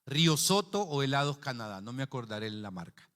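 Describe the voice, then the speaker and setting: A middle-aged man with a Central American Spanish accent preaching a sermon, telling personal stories in an animated, conversational way with frequent asides to the congregation. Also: medium pitch, a little fast. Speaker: pastor. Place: church sanctuary. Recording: long church reverb.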